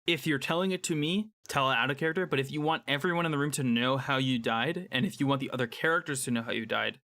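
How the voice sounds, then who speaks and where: Man, tabletop game master, bright voice, relaxed and encouraging. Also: medium pitch, quick pace. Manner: easygoing, encouraging, laughs often.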